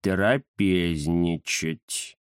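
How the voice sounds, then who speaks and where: Storybook: a pompous fat tomcat, low and slow, read by a man. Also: a little mellow, no room sound, clean studio sound. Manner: slow, lazy, grumbling, self-important. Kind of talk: audiobook character voice.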